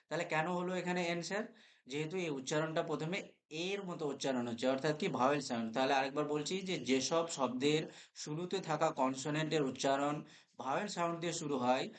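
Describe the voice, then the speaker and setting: Man, Bengali accent, grammar teacher running a live class, spells out words, voice a bit high. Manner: checks in with students often, spells words letter by letter. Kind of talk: live online class lecture.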